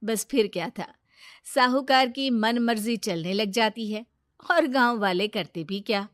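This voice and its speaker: A woman's voice: a little high, measured pace, no room sound, clean studio sound. A woman narrator reading a scripted moral story.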